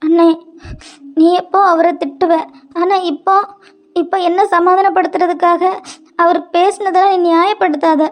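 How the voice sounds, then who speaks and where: A shrill, very high voice belongs to a wounded young woman in a cartoon, voiced by a woman. She speaks with a Kanyakumari Tamil accent and stumbles over her words, repeating them as she goes. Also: fairly even intonation. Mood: tearful. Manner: halting, repeats words while upset. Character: young woman, hurt and tearful, wife and sister. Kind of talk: cartoon voice acting.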